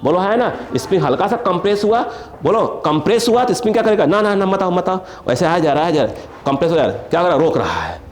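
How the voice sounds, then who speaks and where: Physics teacher guy, kinda high voice, keeps quizzing the class, faint room hum. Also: big pitch swings, quick pace, few pauses. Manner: questioning students constantly, stretching key words. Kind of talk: classroom lecture at a board.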